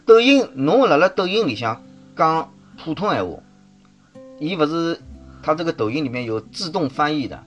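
A man's voice: fairly high pitch, very animated, normal speed, lo-fi sound, faint music behind. A man in his fifties with a Shanghainese accent, a guest in a casual chat who often repeats words as he starts. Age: 50s.

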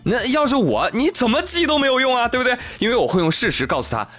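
A man's voice: very high-pitched, sing-song, fast. A man giving comic news commentary full of Chinese internet slang, telling stories in an exaggerated, teasing, sarcastic way. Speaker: host of a comic news show. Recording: music playing behind the voice.

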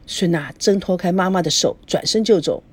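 A woman's voice: fairly low pitch, brisk, husky. A woman narrating a family drama story steadily and plainly.

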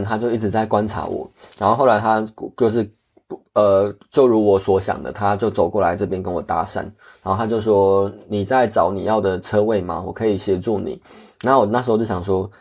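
A man's voice: on the low side, a little mellow, slightly rough. A man, a guest earnestly telling travel stories in casual chat. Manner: earnest, candid, many restarts.

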